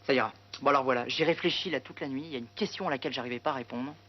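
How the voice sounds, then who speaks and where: Un homme jouant un flic nerveux qui parle vite. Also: male voice, medium pitch, natural voice. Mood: earnest. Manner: nervous, fast-talking, whiny. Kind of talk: film dialogue. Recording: dull film soundtrack with noise.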